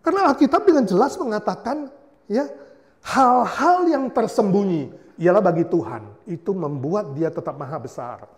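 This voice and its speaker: A male pastor preaching at a memorial service, swinging between loud exhortation and hushed prayer, with English words mixed in. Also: high voice, expressive, moderate pace. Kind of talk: sermon. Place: church.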